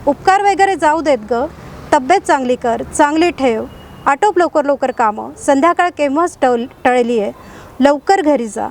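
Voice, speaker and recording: A woman's voice: high-pitched, lively intonation, moderate pace. A woman voicing a kind, caring older employer.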